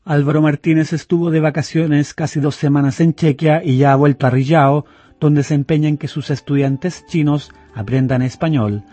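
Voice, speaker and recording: A man narrating a news report in a measured, scripted voice-over. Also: a little high, steady tone, warm tone.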